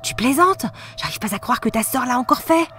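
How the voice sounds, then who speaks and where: A woman voicing an agitated teenage boy in an animated story, speaking loudly and in exasperation. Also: high-pitched, a little fast, music in the background, pitched above the performer's own voice. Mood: exasperated.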